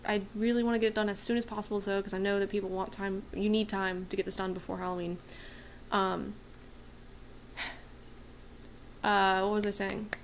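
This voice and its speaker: Chatty lady on a livestream, voice going a bit hoarse, rambly with lots of ums, faint hiss behind her. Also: mid-range voice, fairly bright tone. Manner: rambling, chatty, many fillers and restarts. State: losing her voice. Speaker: livestream host and maker. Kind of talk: casual livestream chat, answering viewer questions.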